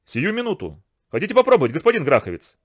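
Guy reading a sharp mom, scolds and teases, voice goes way up and down. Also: on the high side, huge pitch swings, fast, pitched above the performer's own voice. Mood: coaxing. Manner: teasing, scolding. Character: quick-witted working mother, sharp-tongued.

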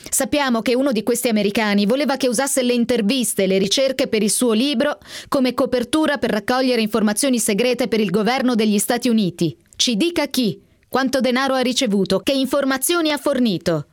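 A woman's voice: fairly high pitch, fairly quick, few pauses, no echo, clean studio sound, voice pushed up, close to an everyday voice. A woman voicing a harsh, mocking male interrogator in a radio reading of a memoir, speaking in an accusing, insistent way. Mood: scornful. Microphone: studio microphone.

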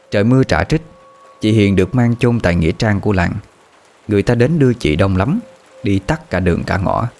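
A man reading a sad story aloud in slow, mournful scripted narration. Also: on the low side, a little mellow. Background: faint music.

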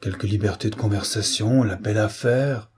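A man's voice: lowish voice, normal speed, a little mellow, a little hiss or hum, lightly acted. A man voicing a stern, wounded bourgeois father who answers his son curtly and with indignation. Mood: indignant. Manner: indignant, curt.

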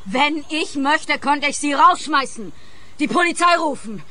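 A woman's voice: sits high, expressive, a little slow, sharp tone, exaggerated voice. An actress playing a tipsy, cheeky young woman in a radio crime comedy. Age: young adult.

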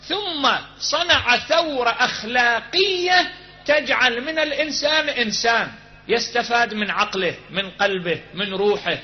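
A man preaches in an Iraqi Arabic accent, his voice pitched high and full of fervor. He draws out important words and then drops to a near hush. The recording is dull and lo-fi. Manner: impassioned, drawing out key words, dropping to a low hush. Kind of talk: sermon with storytelling. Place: hall with a live congregation.

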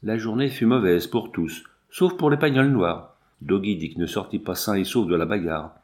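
A man narrating a novel in a steady, measured reading voice. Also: on the low side. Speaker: audiobook reader. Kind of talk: scripted narration.

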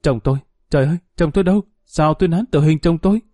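A man's voice: a little high, fast talker, dark tone, no room sound, studio quality, voice pushed up, natural voice. A man voicing a wailing, grief-stricken young mother. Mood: anguished. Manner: wailing, desperate cries. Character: grieving young peasant mother, frantic.

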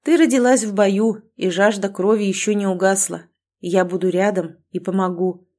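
A woman voicing a calm, protective male alpha werewolf in an audiobook, speaking quietly and evenly. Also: medium pitch, moderate pace, close to an everyday voice. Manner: quiet, even and soothing.

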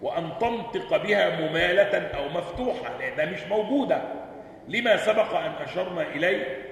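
A man's voice: high voice, animated, a little fast, vocal fry, a bit bright. A man with an Egyptian Arabic accent, a sheikh teaching a class. He reads a text aloud and explains it, keeps checking in with rhetorical questions, and spells out words letter by letter. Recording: echoey hall, voice from far off.

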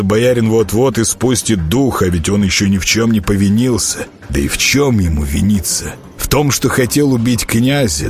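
A man narrating an audiobook in an expressive storytelling manner. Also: fairly low pitch. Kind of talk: scripted narration.

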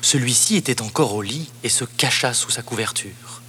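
A man narrating a children's storybook cassette in a lively, expressive read-aloud voice. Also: mid-range voice, moderate pace, slightly rough. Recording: cassette narration over background music.

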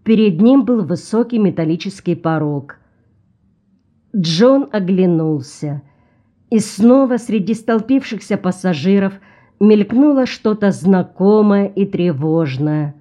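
Slow, mellow woman reading an audiobook. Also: mid-range voice, lively intonation. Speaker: audiobook narrator. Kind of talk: scripted audiobook narration.

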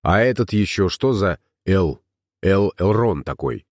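A man voicing a gruff young wandering herbalist who talks bluntly and grumbles, in an audiobook. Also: sits low, animated, unhurried, no echo, studio quality. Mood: musing.

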